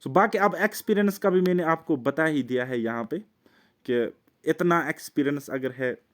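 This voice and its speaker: A man's voice: fairly high pitch, normal speed. Earnest man coaching for exams. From Jammu and Kashmir. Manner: conversational, keeps checking with "ठीक है"; earnest, pleading repetition. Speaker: exam coach and channel host. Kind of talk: casual Hindi coaching talk to camera.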